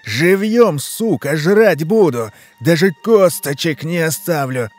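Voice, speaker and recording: A man's voice: a little high, animated, slow pace, darkish tone, soft background music, pitched above the performer's own voice. A man voicing a furious, foul-mouthed male forest monster that snarls curses and threats.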